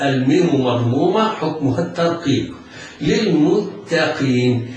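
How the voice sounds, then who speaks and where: Man teaching recitation in a very echoey room. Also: a little high. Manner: patient step-by-step explaining, drawn-out chanted demonstrations. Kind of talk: tajweed lesson with recited examples. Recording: very echoey, distant mic, faint music.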